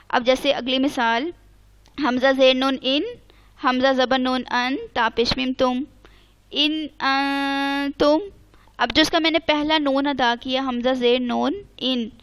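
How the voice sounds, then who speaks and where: A woman teaching an online Quran recitation lesson, patiently explaining each rule step by step, slowly spelling out letters and mixing English words into her speech. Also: high-pitched, fairly bright tone, clean tone. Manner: mixes English words into Urdu.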